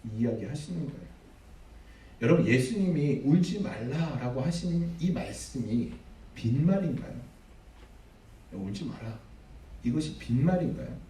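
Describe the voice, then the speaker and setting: A man's voice: mid-range voice, lively intonation, normal speed, dark tone. A man preaching a sermon as pastor, dramatic, acting out the figures he quotes. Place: church sanctuary. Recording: echoey hall, mic at a distance.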